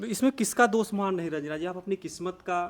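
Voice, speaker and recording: A man's voice: sits high, fast talker, crowd noise. A man interviewing a woman for a news-style video, talking in an earnest, sympathetic way.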